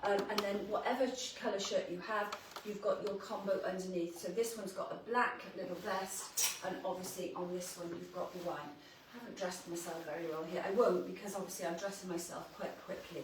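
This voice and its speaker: Woman, boutique owner, casual live-sale chatter, mid pitch, distant mic, very echoey shop room. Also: background noise. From Wales. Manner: chatty, laughs often, talks while changing outfits. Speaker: boutique owner presenting clothes on a livestream. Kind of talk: casual live shopping chat. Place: clothing boutique, indoors.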